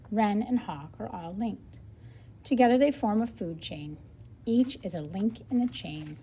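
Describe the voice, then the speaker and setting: A woman reads a nonfiction picture book aloud to young learners the way a teacher would, adding brief explanations as she goes. Her medium-pitched voice is mellow, with a little hiss or hum in the audio.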